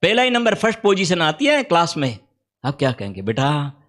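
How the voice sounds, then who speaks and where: A man's voice: high-pitched, huge pitch swings, fairly quick, a bit bright. A man with a Gujarati accent giving a spiritual discourse, conversational, often asking his listeners questions. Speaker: Jain preacher. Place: teaching camp hall.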